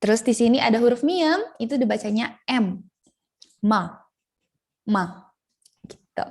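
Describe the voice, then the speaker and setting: A young woman teaching a Korean lesson over a video call, chatty and playful, slowly sounding out syllables. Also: a little high, animated, darkish tone. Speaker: Korean language tutor. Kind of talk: online language lesson.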